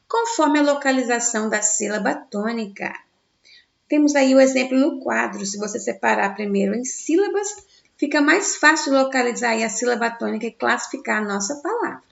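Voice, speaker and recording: A woman teacher giving a recorded grammar lesson for children in Brazilian Portuguese, sounding out stressed syllables slowly and answering her own questions. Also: on the high side, gravelly. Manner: slow, stressed syllables when sounding out words; asks the class questions and answers them herself. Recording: dull, echoey room.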